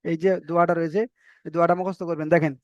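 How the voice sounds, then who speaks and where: Man, Indian Bengali accent, online Quran reading teacher, high smooth voice, patient and repetitive, dry slightly dull recording. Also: level tone, no room sound. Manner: patient, repeats letters slowly with drawn-out vowels. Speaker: Arabic alphabet teacher.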